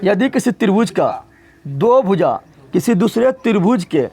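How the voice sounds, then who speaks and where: A man's voice: high-pitched, big pitch swings, unhurried, darkish tone, slightly rough. A man teaching math to a live class, repeating key words three times and asking the class to echo them back. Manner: repetitive call-and-response questioning. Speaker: math tutor.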